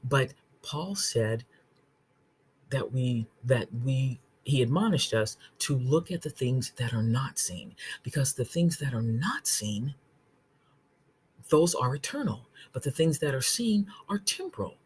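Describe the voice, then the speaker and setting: A woman with a very deep, sing-song, slightly mellow voice and a faint hiss or hum leads an informal Bible study as an online teacher. She explains verses earnestly, keeps checking in with "okay?", restarts her sentences and phrases, and reads scripture aloud slowly.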